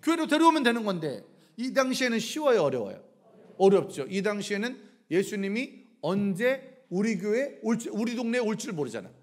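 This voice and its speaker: A middle-aged pastor preaching a revival sermon in a church, firing either-or questions at the congregation and acting out shouts. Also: male voice, high voice, sing-song, normal speed. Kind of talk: lively revival sermon with call-and-response questions. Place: church sanctuary.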